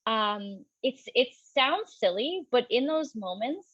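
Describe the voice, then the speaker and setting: A woman's voice: a little high, lively intonation, slow pace, fairly bright tone, breathy edge, no room sound, highs cut off. A young adult woman moderating an interview, supportive and rambling with many fillers. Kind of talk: casual conversational interview.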